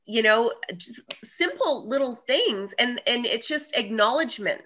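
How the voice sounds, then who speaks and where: A woman's voice: a little high, expressive, a little slow. A woman hosting a podcast, speaking in an affirming way and stressing her points through repetition. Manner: warm, affirming, emphatic repetition. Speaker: podcast host. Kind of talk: casual interview chat. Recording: dull lo-fi audio.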